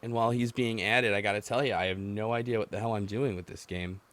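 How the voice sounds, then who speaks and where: Over retro video game music, a man hosting a gaming livestream podcast chats casually with callers while he plays, rambling in a geeky, self-deprecating way. His lowish voice is steady in tone and fairly bright, and he talks fast.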